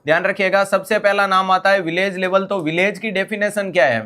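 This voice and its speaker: High-voiced Hindi nursing tutor, step by step. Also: male voice, steady tone, brisk, bright, forceful tone. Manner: explains step by step, repeats key terms, quizzes students. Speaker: nursing exam teacher. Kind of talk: online exam-prep lecture.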